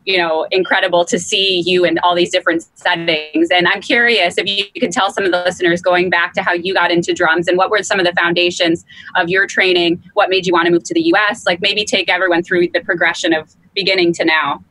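A woman co-hosting a podcast, asking a guest questions in a quick, enthusiastic way. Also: fairly low pitch, steady tone, a bit bright, dry recording, low-quality recording. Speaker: podcast co-host. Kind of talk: casual podcast interviewing.

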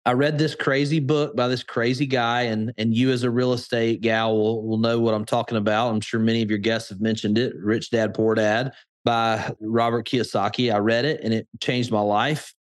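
Southern man with an Alabama accent. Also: medium pitch. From Birmingham, Alabama. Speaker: podcast guest, entrepreneur and crypto investor. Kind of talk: conversational interview storytelling.

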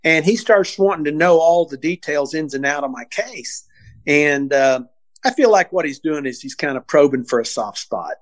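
A man being interviewed tells a case story casually and with animation, acting out what people said and often restarting his sentences. His voice is a little high, his pace moderate, and there's no room sound.

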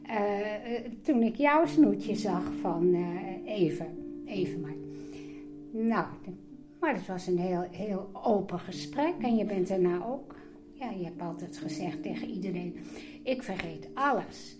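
The host's mother, an older woman with a medium-pitched, expressive voice, casually recalls personal memories at an unhurried pace as an interviewee. She hesitates while searching for words, and music plays in the background.

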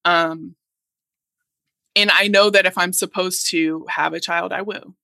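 Woman in her 30s, bright sharp voice, earnest casual chat, dry sound. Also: lowish voice, steady tone, unhurried, gravelly, dry recording. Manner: earnest, thoughtful, with soft laughs.

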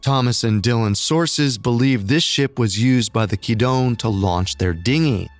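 A man co-hosting a podcast, reading scripted true-crime narration with measured storytelling delivery. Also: mid-range voice, no room sound, soft background music. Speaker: podcast co-host.

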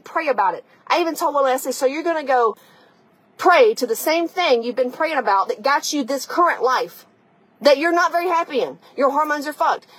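The woman's voice sits high, and the recording is rough but free of room sound. A podcast host and coach, she talks conversationally and directly to the listener, giving an emphatic, profane, no-nonsense motivational talk.

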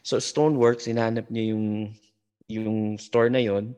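A man, a podcast guest, telling a story in casual talk, halting and full of fillers and restarts. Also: lowish voice, little pitch movement, a little mellow, clean tone, muffled recording.

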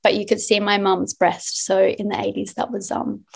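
A woman's voice: medium pitch, little pitch movement, normal speed, vocal fry, slightly rough. A woman in her thirties, a singer-songwriter, talking in an effusive, enthusiastic way as a guest on a podcast over a video call. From Australia. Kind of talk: casual interview chat. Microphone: remote video call.

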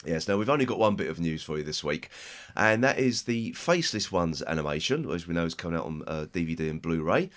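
A British man chats as a podcast host in a low voice. He is croaky and hoarse with a chest cold. His delivery is halting and rambling, with a casual feel. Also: expressive, a bit bright.

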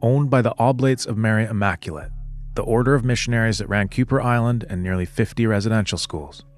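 A man with a lowish voice narrates a scripted investigative podcast. He speaks in a measured, serious way, setting out each point evenly. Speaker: podcast host and reporter.

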